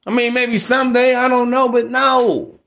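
Man in his thirties, podcast host, blunt, profane, lecturing, high voice. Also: steady tone, normal speed, creaky, fairly bright tone. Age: 30s. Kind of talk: casual podcast monologue.

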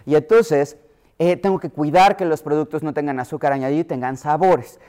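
A man's voice: on the high side, steady tone, brisk, mellow, clear, resonant tone. A middle-aged man with a Mexico City Spanish accent giving an explanatory lecture to pediatricians, often acting out voices he quotes.

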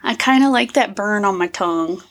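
A woman with a Southern American accent, co-hosting a casual podcast and chatting in an animated, storytelling way. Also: medium pitch, moderate pace. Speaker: podcast co-host. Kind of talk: casual chat.

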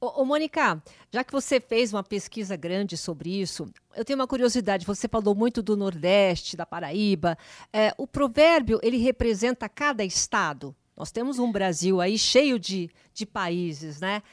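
A woman co-hosting a podcast, talking in a lively, conversational way and asking the guest questions. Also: mid-range voice, moderate pace, no room sound, clean studio sound. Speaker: podcast co-host. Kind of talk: podcast interview.

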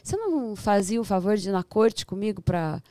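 A woman from Brazil with a Brazilian Portuguese accent, a podcast guest telling stories in a lively, animated way. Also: medium pitch, a little fast, no room sound. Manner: lively storyteller who acts out voices and laughs often. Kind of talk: casual storytelling chat. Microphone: studio podcast mic.

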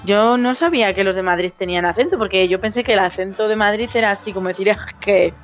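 A woman's voice: medium pitch, quick pace, lo-fi sound. Zamora woman cohosting a podcast, chatty, sing-song accent, faint music under. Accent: Zamora Spanish. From Zamora, Spain. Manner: chatty storyteller, quotes others in lively voices. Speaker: podcast co-host. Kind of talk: casual chat.

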